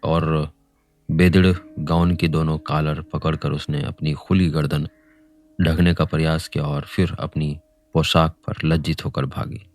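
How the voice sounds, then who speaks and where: A male storyteller giving an expressive, dramatic audiobook reading of a novel. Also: extremely low pitch, unhurried.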